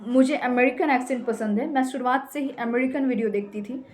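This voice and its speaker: Speaking a little fast in a high, somewhat dark-toned voice, a young Indian English teacher offers learners forceful, repeated advice. Her tutorial is casual and switches between Hindi and English.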